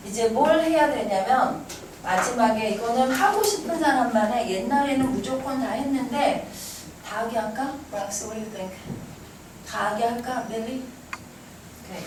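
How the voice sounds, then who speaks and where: A woman teaching an English class, brisk and teasing, quizzing her students as she goes. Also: a little high. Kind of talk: classroom lecture. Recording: echoey classroom from far off, noisy.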